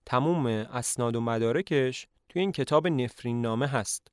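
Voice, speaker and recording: A man voicing an excitable, fussy middle-aged male doctor in a narrated play, speaking high and loud. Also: clear, resonant tone, no echo, studio quality, lightly acted. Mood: excited. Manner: high-pitched and loud, eager.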